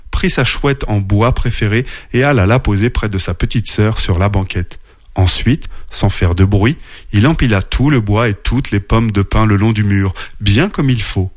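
Man reading a storybook, very expressive. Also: fairly low pitch, moderate pace, no room sound, studio quality. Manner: expressive, playful read-aloud. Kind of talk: storybook narration.

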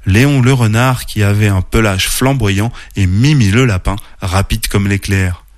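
A man telling educational stories to children in scripted narration, gently animated. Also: lowish voice, a little slow, no room sound, studio quality. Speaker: children's storyteller.

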